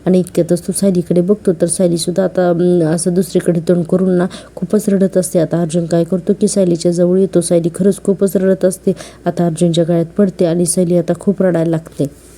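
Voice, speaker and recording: A woman's voice: fairly low pitch, flat delivery, a little fast, mellow. A woman casually retelling a TV serial episode, quoting the characters in her own voice as she goes. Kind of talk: casual narrated recap.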